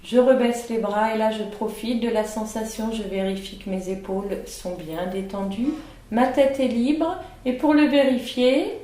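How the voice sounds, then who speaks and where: A woman teaching an online acting lesson in a calm, instructive way, with over-articulated diction drills. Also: on the high side, a little slow, echoey room. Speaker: drama teacher.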